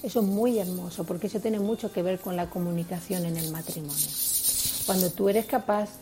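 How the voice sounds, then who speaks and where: A woman's voice: fairly low pitch, brisk. A woman with a Spain Spanish accent preaching a sermon on marriage, earnest and explanatory, often asking rhetorical questions.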